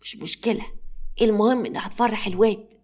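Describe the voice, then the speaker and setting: A humble old grandmother from an Egyptian storybook tale, played by a woman narrator, gentle and soft-spoken. She pleads patiently, her words tumbling out quickly. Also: a little high. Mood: sorrowful.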